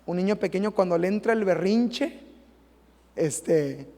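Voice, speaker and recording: A pastor delivers an emphatic sermon in a high-pitched male voice. He keeps punctuating his points with "amen" and "right?". The sound rings with the long reverb of a church hall. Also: expressive, a little slow, warm tone. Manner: emphatic preaching, repeating "amén" and "¿verdad?".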